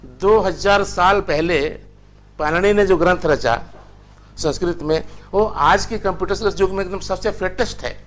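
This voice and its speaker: An older man teaches a language class in a chatty, anecdotal lecture, telling stories and acting out the quotes. His voice is high, fairly bright in tone, and unhurried.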